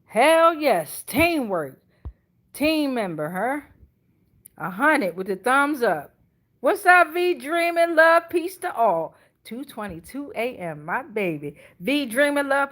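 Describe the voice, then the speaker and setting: Doing a casual tarot reading live on stream, a middle-aged woman with an American accent speaks sassily and emphatically, cursing freely. Her pitch is fairly high and her tone fairly bright.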